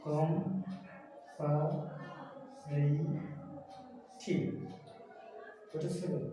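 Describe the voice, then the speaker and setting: A man teaching an English grammar lesson by a board, explaining slowly and repeating each point for his viewers. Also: fairly high pitch. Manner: slow, repetitive explaining to viewers. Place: classroom with a board. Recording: very echoey, distant, faint room noise.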